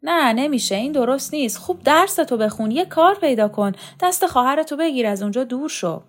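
A tearful, kindly old man, as a woman narrator puts him on in an audiobook. He pleads earnestly, his voice pitched high and urgent. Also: lively intonation. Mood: pleading.

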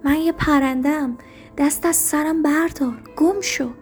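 A woman's voice: high voice, fairly even intonation, a little mellow, faint music behind, natural voice. A woman voicing a petulant sixty-four-year-old man who insists he is a robin, in a storybook reading. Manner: petulant, shooing, childish.

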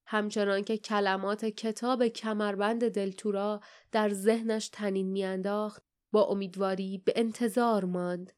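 A woman narrating an audiobook in a measured, expressive way, giving each character a voice. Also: mid-range voice, clear, resonant tone.

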